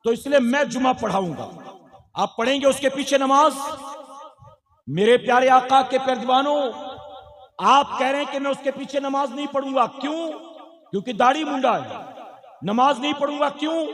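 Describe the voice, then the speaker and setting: High-voiced preacher in an echoing hall. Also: male voice. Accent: Indian Urdu. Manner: impassioned, rising to shouted emphasis, asks the crowd questions. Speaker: Islamic preacher. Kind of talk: fiery sermon. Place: large hall with an audience. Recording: long hall reverb.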